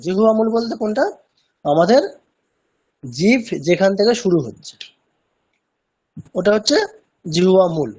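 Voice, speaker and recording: A man's voice: sits high, darkish tone, dull audio. A man teaching a pronunciation lesson in an online class, patiently repeating sounds to demonstrate them. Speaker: chanting teacher.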